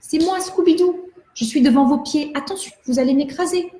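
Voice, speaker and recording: Woman doing a small clever doll voice, storybook fortune-teller, calm and matter-of-fact, mellow tone, roomy echo. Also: high voice, moderate pace, pitched above the performer's own voice, natural voice. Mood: calling out. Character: small talking rubber doll, female, shrewd fortune-teller.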